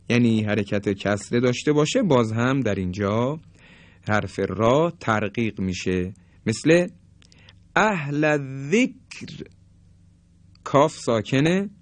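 Male recitation teacher, lively pitch, dry close sound, drawn-out demo words. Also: no echo. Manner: slow drawn-out demonstration of words. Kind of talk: tajweed lesson, explaining and demonstrating.

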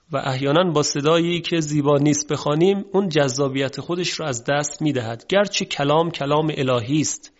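A man whose first language is Persian teaches Quran recitation in a measured way, demonstrating Arabic vowel sounds. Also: fairly high pitch. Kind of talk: spoken lesson on Quranic pronunciation. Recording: dull lo-fi recording.

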